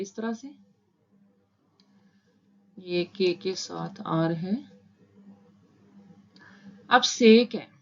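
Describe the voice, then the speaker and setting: A woman's voice: mid-range voice, muffled recording. Patient woman teaching shorthand. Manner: patient, repeats steps, mixes English terms into Hindi. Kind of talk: step-by-step lesson explaining while writing.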